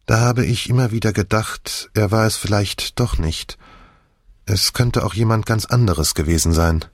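A man reading an audiobook and voicing a tired, haunted woman confessing slowly. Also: fairly low pitch, no echo, studio quality. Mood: weary. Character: weary woman in her thirties, haunted.

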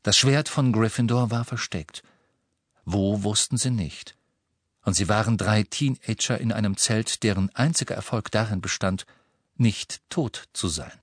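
A man's voice: fairly low pitch, no room sound. Man narrating a storybook, dry and close. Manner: measured, dramatic storytelling. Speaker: audiobook reader. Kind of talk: scripted narration.

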